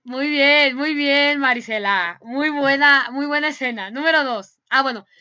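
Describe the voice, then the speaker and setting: Bright, gushing woman radio host. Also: high-pitched, unhurried. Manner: laughs often, gushing and excitable. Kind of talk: casual chat, reading listener messages.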